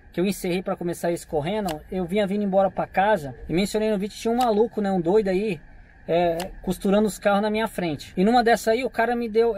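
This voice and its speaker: A man with a Brazilian Portuguese accent, a vlogger retelling a run-in to his camera in a casual, animated way, acting out both sides of the dialogue. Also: high voice. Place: parked outside a convenience store.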